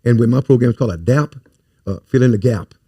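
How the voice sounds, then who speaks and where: Man, youth coach, earnest and rapid, low mellow husky voice, fits a dry close-mic read. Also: no echo. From Louisiana, USA. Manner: earnest, repeats words, rhyming sayings. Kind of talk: casual talk show conversation.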